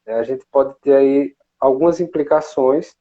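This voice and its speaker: A man's voice: mid-range voice, measured pace. A man on a live panel, speaking hesitantly with many restarts and "né?". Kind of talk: casual live talk on emotions. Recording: dull lo-fi live stream audio.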